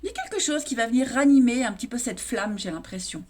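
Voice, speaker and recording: A woman reads tarot cards for her viewers in a loose, chatty way. Her voice sits high, and she keeps stumbling into fillers and restarting her sentences. She talks to the audience as her friends. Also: big pitch swings, fast talker, slight background noise. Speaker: tarot reader. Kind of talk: casual tarot reading for viewers.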